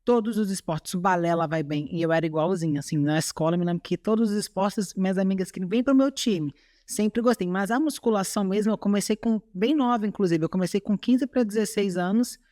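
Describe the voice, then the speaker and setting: A woman from Chile with a Brazilian Portuguese accent, a bodybuilding athlete, chats casually and earnestly as a podcast guest, tagging her remarks with "sabe?". Her medium-pitched voice is brisk and mellow, captured in a dry, clean studio recording.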